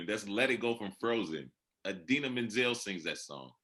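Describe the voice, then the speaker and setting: Actor reading a deep, animated teasing reporter. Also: male voice, measured pace, a little hiss or hum. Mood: chatty. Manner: teasing, opinionated. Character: teasing male sports reporter, quick with opinions. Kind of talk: comedy play reading. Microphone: video call.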